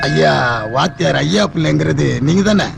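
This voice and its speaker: A man's voice: fairly high pitch, moderate pace, creaky. An actor playing a menacing male debt collector who taunts with sarcastic, mock-polite talk in a film comedy scene. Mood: taunting. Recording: film soundtrack with loud music.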